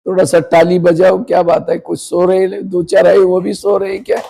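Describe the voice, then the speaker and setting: A spiritual teacher gives an earnest discourse to a live audience in a meditation hall, packed with rhetorical questions and now and then scolding sleepy listeners. His voice is high-pitched, creaky and warm, delivered completely flat at a moderate pace, on a low-quality recording.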